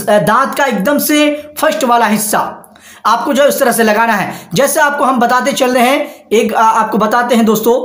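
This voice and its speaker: A man teaching Arabic letter pronunciation in an online lesson, patient and repetitive, drawing out each letter sound slowly. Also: extremely high pitch, fairly bright tone, roomy sound.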